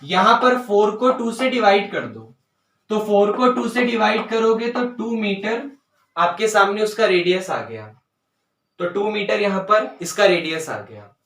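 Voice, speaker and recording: A man teaching a maths lesson step by step, often checking whether students follow and slowly dictating terms as he writes. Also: sits high, lively intonation, fairly bright tone, far from the mic. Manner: dictates English terms slowly while writing. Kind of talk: board-work maths lesson. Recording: roomy sound, voice away from mic.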